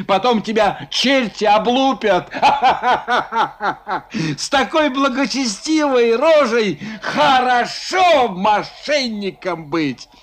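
A man putting on a jeering, shouting young merchant. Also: medium pitch, voice pushed down. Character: drunken young merchant denouncing other merchants, defiant, mocking.

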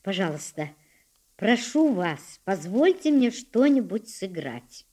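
A woman voicing a poor, shy but proud teenage boy with a hoarse, timid voice. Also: mid-range voice, lively intonation, unhurried. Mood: restrained. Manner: quiet, restrained, polite.

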